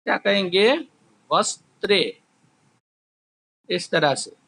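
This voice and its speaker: A man teaching a class, slowly drilling word forms, asking questions and answering them himself. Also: sits high, sharp tone. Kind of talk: slow classroom explanation. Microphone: recorded while writing on a board.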